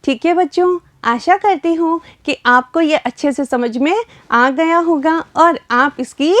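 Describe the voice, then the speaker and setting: Slow, high-voiced woman teaching children. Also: no echo. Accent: Rajasthani Hindi. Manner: patient, addresses children repeatedly. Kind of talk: primary school math lesson.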